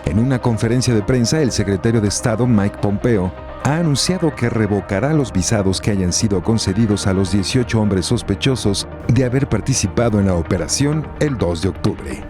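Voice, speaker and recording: A man's voice: on the low side, expressive, fairly quick. A man reading scripted documentary narration in the manner of a true crime news report. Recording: music bed under the voice. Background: music.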